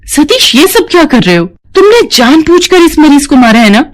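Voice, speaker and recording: A woman's voice: mid-range voice, normal speed, natural voice. A principled young nurse speaks earnestly in a storybook drama, voiced by a woman. Her voice sits in a middle register, in emotional, outspoken dialogue. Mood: indignant.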